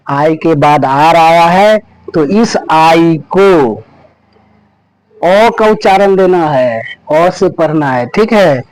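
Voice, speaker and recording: A man teaching English pronunciation rules, repeating each rule and word slowly. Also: fairly high pitch, no echo, poor audio. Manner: slow, repeats rules and words over and over. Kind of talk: pronunciation lesson.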